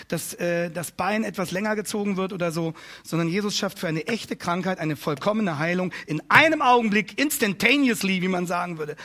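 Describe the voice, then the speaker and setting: A man's voice: sits high, pushed and bright. A man preaching a sermon, emphatic and building his points through repeated phrases.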